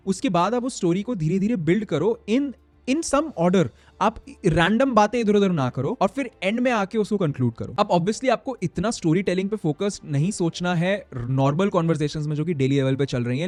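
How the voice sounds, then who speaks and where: Animated young man, casual Hinglish advice. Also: no room sound. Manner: casual slangy Hinglish, animated pitch swings. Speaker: self-improvement YouTuber. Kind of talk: casual advice talk to camera.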